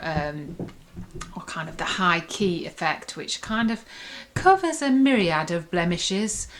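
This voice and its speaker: A woman with a fairly low voice reviews an app in a casual, chatty demonstration, rambling enthusiastically as she explains. The recording quality is low.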